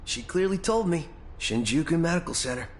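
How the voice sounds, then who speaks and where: A man's voice: fairly high pitch, expressive, brisk, a little hiss or hum, close to an everyday voice. A young American man voicing a brash, grumbling, slangy student in a video game. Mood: grumbling, uneasy.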